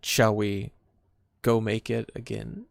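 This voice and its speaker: A man's voice: fairly low pitch, level tone, takes it slowly, gravelly. A man chatting casually with friends while playing a video game, laughing easily. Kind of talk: casual gaming chat.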